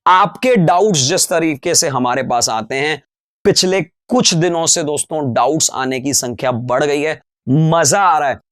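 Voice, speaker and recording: A man teaching English grammar in an online lecture, explaining in Hindi, slowing down to read English examples, and addressing his viewers as friends. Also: on the high side, a bit bright, dry recording, studio quality.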